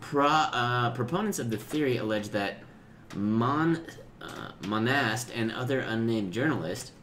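A man co-hosting a casual cannabis podcast, clearing his throat often and stumbling over words as he reads a text aloud. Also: medium pitch, animated, unhurried, fairly bright tone, a little hiss or hum. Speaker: podcast co-host. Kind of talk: casual chat, reading aloud from a web page.

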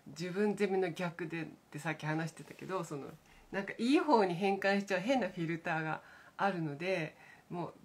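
Middle-aged woman, low husky voice, rambling morning-stream host, lots of hesitation and gentle self-amusement. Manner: meandering, full of hesitations and soft self-amused asides. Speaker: pianist hosting a morning live stream. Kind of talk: casual rambling chat.

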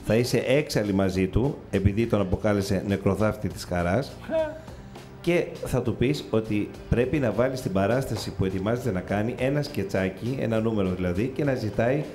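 A man's voice: fairly low pitch, a little mellow, faint music behind. A man hosting a TV talk show, giving playful instructions to his co-host.

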